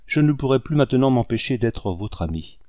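A man's voice: mid-range voice, animated, brisk, mellow, no echo, muffled recording, natural voice. A man reading the lines of a young noblewoman taken captive, in an earnest, emotional audiobook delivery.

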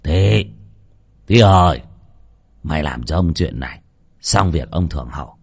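A man voicing a cruel, scheming old village chief who speaks in a low, menacing, hushed way. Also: animated, unhurried, vocal fry, husky, exaggerated voice.

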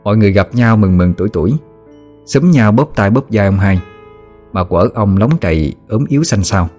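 Nam kể truyện giọng miền Nam trầm. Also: male voice, fairly low pitch, lively intonation, normal speed, warm tone, soft background music. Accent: Southern Vietnamese. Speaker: storyteller. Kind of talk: audiobook narration.

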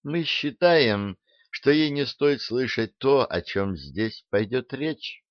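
A man voicing a calm female angel leader who speaks softly and placatingly. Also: mid-range voice, slow pace, dry recording, pitched above the performer's own voice. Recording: dull, dry audiobook recording.

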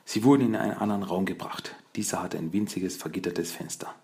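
A man reading a children's audiobook as narrator, in measured storytelling. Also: sits low, gravelly, darkish tone, slightly rough.

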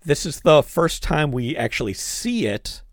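Gravelly man chatting about movies. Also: fairly high pitch, big pitch swings, unhurried, no room sound, studio quality. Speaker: podcast co-host. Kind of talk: casual movie-review chat.

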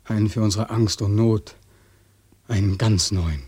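A bitter young war veteran. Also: male voice, fairly low pitch, fairly even intonation, a little slow, darkish tone, husky, no echo. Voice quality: bitter, mocking, swings into anguished outbursts. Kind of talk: radio drama acting.

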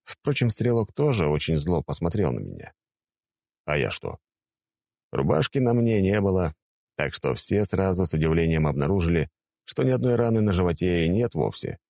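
A man narrating an audiobook in the first person, wry and expressive. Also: low-pitched, normal speed, gravelly, no echo.

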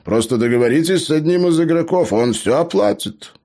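A man doing a high, wheedling dwarf schemer. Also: brisk. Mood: persuading. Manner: eager, persuasive, high excited voice. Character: fussy scheming male dwarf, chatty.

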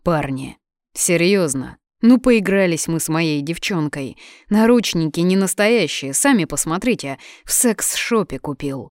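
Brief: woman reader doing cocky young male student, teasing, lower-ish voice. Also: expressive, measured pace, darkish tone, dry recording, clean studio sound. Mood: joking. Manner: teasing, playful.

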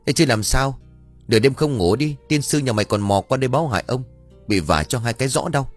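A man's voice: fairly low pitch, a little fast, faint music behind, natural voice. A man voicing a grumpy, crude old village exorcist who curses and grumbles. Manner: gruff, cursing, bossy.

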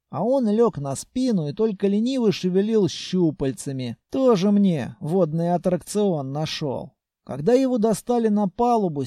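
A man narrating an audiobook in a lively, wry storytelling manner, recorded close to the mic. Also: high-pitched, no room sound.

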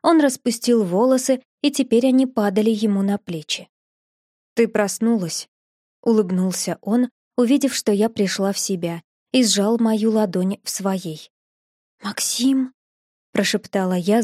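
A woman reading a novel aloud as narrator, in a measured storytelling manner. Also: medium pitch, warm tone, no echo, clean studio sound. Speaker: audiobook narrator. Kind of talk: scripted narration.

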